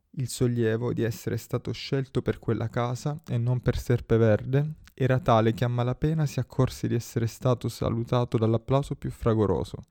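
A man reading a novel aloud as narrator, steady and measured. His voice is gravelly with a dark, mellow warmth. The recording is close and dry. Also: mid-range voice, no echo. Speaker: audiobook narrator. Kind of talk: scripted story narration.

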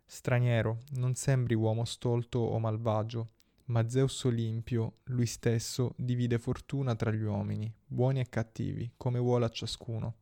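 A gracious young princess who speaks with quiet authority, read by a man in a dark, gravelly voice. Her lines come in a solemn, measured way, with little rise and fall, as in an epic storybook reading. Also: medium pitch, level tone.

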